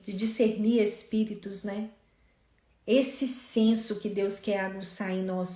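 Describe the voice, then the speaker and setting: A woman preaching in a roomy space that gives her words a clear echo. Her voice sits at an ordinary middle pitch, and she talks in an earnest storytelling manner. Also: a little mellow. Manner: earnest storytelling, voicing family members in quotes. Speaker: preacher at a mothers' prayer meeting. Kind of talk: sermon.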